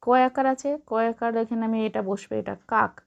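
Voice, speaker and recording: A woman with a fairly high voice teaches young children, drawing each letter and syllable out slowly and clearly. She breaks in now and then to encourage them. The recording is dull and lo-fi. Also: steady tone. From Bengal. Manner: slow, drawn-out letter-by-letter spelling with encouraging asides. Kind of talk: children's spelling lesson.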